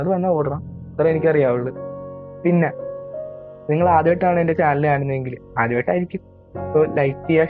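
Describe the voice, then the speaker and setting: This clip is casual let's-play commentary from a young gaming YouTuber with a Malayali accent as he plays a horror game. Talkative and self-deprecating, he confesses he gets scared easily, all captured on a tinny, cheap microphone.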